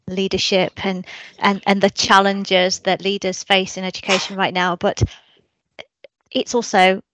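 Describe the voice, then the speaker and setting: A woman's voice: medium pitch, no echo, poor audio. Woman host with a dry close sound. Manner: warm, rambling questions with many restarts. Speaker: podcast host, interviewer. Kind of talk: podcast interview.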